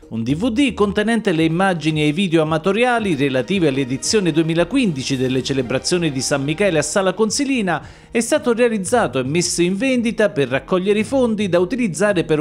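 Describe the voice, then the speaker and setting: A man narrates a news report from a script. His voice sits high for a man and moves animatedly up and down as he reads.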